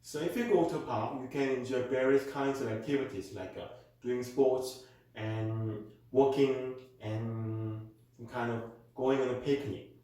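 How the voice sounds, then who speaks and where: A man with a Korean accent works as a tutor and reads model exam answers aloud, slowly and carefully so learners can follow. His voice sits at an ordinary pitch for a man. It rings out in a very echoey room. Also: warm tone. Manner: slow, careful delivery for learners. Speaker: IELTS speaking tutor.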